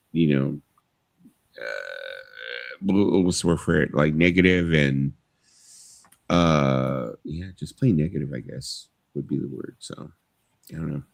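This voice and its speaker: A man in his fifties with a low, gravelly voice, chatting loosely on a live stream. He rambles, swears freely and leans on you-knows. The sound is dry and close. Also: no room sound. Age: 50s. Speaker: livestream host. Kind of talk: casual live-stream chat.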